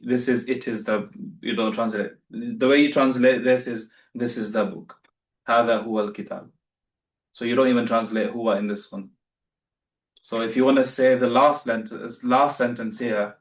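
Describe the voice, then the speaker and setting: A man's voice: mid-range voice, roomy sound, distant mic. A man teaching beginner Arabic in a live online class, patient and repeating himself as he corrects students.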